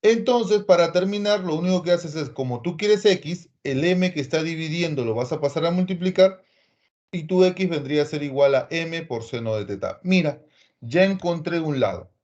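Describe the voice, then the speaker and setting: A man teaching trigonometry to a class in a lively way, often acting out what his students might say and calling them by name. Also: a little high, moderate pace, muffled recording. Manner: lively, acts out imagined student replies; addresses students by name, coaxing. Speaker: math teacher.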